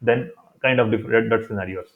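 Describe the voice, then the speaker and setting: Low-voiced Kannada-accented man, phone-like sound. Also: fairly even intonation, quick pace, creaky. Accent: Kannada-accented Indian English. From Karnataka, India. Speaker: tutorial presenter. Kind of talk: unscripted step-by-step screen tutorial. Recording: thin, phone-like narrow-band sound.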